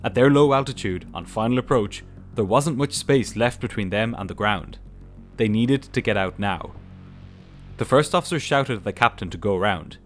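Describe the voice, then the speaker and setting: A man giving scripted documentary narration in a measured, explanatory way. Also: fairly low pitch. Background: music.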